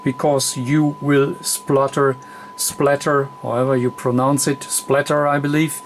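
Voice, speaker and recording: A radio repair technician walks through an unscripted bench demonstration for a tutorial, speaking slowly and hesitantly in short, broken phrases. His medium-pitched voice stays fairly flat, with light background noise behind it.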